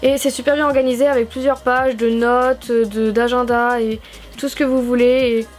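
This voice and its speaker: Young French woman, high voice, gushing casual unboxing vlogger, faint background music. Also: flat delivery, moderate pace. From France. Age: young adult. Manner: gushing, enthusiastic, chatty with fillers. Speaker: YouTuber unboxing stationery.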